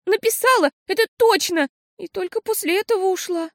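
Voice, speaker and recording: Woman doing a young schoolgirl, squeaky and high, exclaiming breathlessly, storybook reading. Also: big pitch swings, normal speed, no room sound, clean studio sound. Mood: excited. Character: excitable young schoolgirl, emotional and proud. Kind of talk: audiobook character voice.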